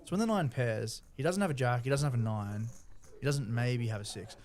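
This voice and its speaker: A man's voice: mid-range voice, a little fast, a little mellow. A man giving informal, explanatory strategy analysis as a poker co-commentator, often checking that the listener follows.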